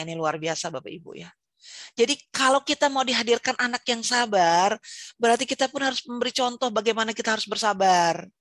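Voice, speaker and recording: A woman with a somewhat high voice gives an Islamic parenting talk to an audience of parents. She speaks in a chatty way and often ends her sentences with small tag questions. Her voice is close and dry, with no room sound. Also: fairly bright tone, no echo. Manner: chatty, asks rhetorical questions; tags sentences with "gitu ya".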